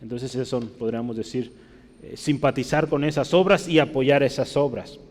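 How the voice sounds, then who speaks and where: A man's voice: medium pitch, normal speed, darkish tone, long reverb tail. A man preaching a teaching sermon in a church, explaining in a conversational way and often checking with his listeners.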